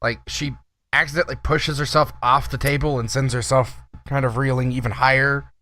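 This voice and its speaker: A man runs a tabletop role-playing game as its dungeon master, his voice bright and forward. He narrates loosely and easygoingly, with plenty of fillers. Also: medium pitch, fairly even intonation, fairly quick.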